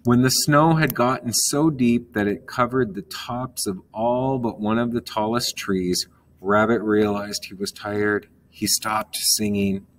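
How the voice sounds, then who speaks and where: A man reading a children's story aloud in a calm manner, gently explaining words along the way. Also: lowish voice, measured pace, a little hiss or hum.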